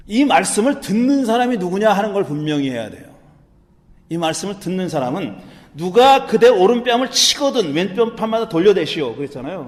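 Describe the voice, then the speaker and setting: A male pastor preaching a sermon in a conversational, animated way, acting out the quotes he reads. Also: sits high, big-room sound.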